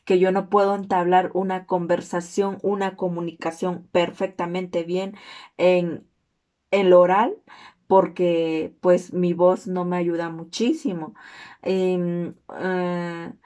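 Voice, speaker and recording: A young woman with a Mexican accent speaks in a naturally hoarse, lowish voice. She talks slowly and earnestly in an informal class presentation, often pausing to search for her words. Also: flat delivery, dark tone. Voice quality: hoarse, low-toned voice.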